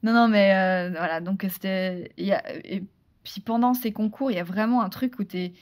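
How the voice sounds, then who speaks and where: A woman in her thirties from Switzerland, speaking at a medium pitch. She is a guest in a casual interview. She tells her story with animation and keeps restarting her phrases. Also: normal speed, a little mellow.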